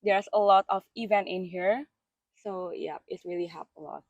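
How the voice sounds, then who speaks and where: A woman's voice: on the low side, steady tone, moderate pace, gravelly, dry recording, muffled recording. A woman in her twenties with an Indonesian accent, a master's student answering interview questions chattily with many likes. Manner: chatty, frequent likes, non-native grammar.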